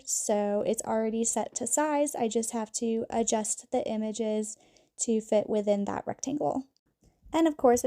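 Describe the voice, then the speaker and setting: Upbeat woman with a mellow voice. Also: fairly high pitch. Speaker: crafting tutorial host. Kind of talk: scripted voice-over tutorial.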